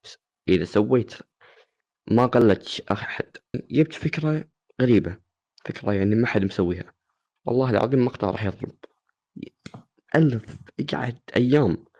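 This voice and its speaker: Fast-talking man, low dark voice. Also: animated, lo-fi sound. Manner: teasing, playfully insulting. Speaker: gaming channel host. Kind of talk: casual joking tutorial.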